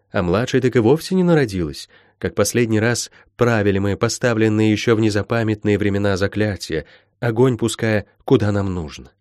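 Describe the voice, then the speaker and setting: A man's voice: medium pitch, darkish tone, no room sound, clean studio sound, natural voice. A man voicing a stern middle-aged woman healer who talks in old-fashioned folksy speech, in an audiobook. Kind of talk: audiobook character voice.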